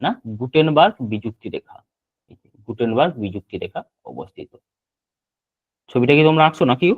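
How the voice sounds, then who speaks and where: A male teacher leads an online lesson, saying key terms again and again so his students can copy them. His voice sits at an ordinary pitch for a man. It comes through a narrow, tinny call line. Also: animated, husky. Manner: repeats terms slowly for note-taking. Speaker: geography teacher. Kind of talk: online class lecture.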